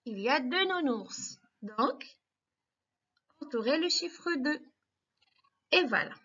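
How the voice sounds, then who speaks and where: A high, bright-voiced woman teaching young children, speaking very slowly and patiently as she walks them through each step with encouragement. The recording sounds a little dull and lo-fi. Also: animated. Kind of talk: slow, clear classroom instruction for young children.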